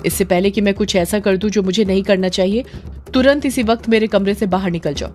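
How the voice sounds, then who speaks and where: A woman voicing a young husband who angrily shouts and scolds in a storybook tale. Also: mid-range voice, brisk, slight background noise, lightly acted. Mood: angry shouting. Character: angry young husband, bookish and harsh.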